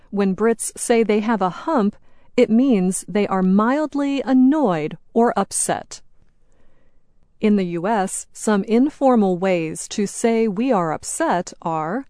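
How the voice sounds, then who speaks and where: Slow, deliberate American woman presenter. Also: mid-range voice, darkish tone, dry recording, clean studio sound. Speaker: program host. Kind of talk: scripted educational narration.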